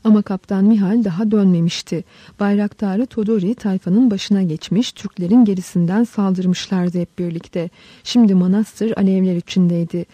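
A woman narrating a historical story in a measured, dramatic reading. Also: mid-range voice, fairly even intonation, dark tone, husky, no room sound. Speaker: audiobook narrator.

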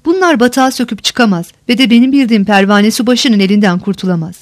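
A woman's voice: medium pitch, fast talker, no room sound, studio quality, natural voice. A woman reading the part of a boastful male frontier warrior who tells his tale with swagger. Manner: swaggering, talkative.

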